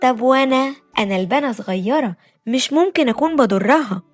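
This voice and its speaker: A woman's voice: brisk, soft background music. A woman with an Egyptian Arabic accent voicing a small, shy young female chewing gum in a storybook tale. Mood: pleading. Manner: high, pleading and eager.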